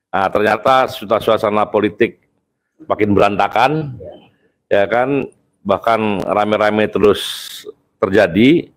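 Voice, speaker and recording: A man speaking informally as a union leader, explaining politics in a deliberate way, often searching for words. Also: lowish voice, rough recording. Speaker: labor union confederation leader.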